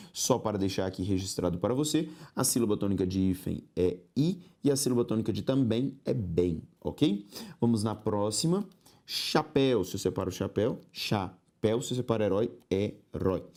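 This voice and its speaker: A Brazilian man teaching grammar in a recorded exam-prep lesson, talking straight to the student, spelling out syllables slowly and tagging points with a rising "ok?". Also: mid-range voice, a little mellow. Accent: Brazilian Portuguese. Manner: didactic, addresses student directly with frequent "ok?".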